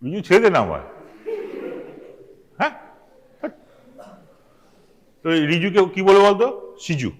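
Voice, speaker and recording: A man's voice: high voice, sing-song, rapid-fire, pauses often, big-room sound. A man with a Bengali accent giving a medical college lecture, quizzing students with rhetorical questions and joking asides. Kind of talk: classroom lecture mixing Bengali and English. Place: lecture hall.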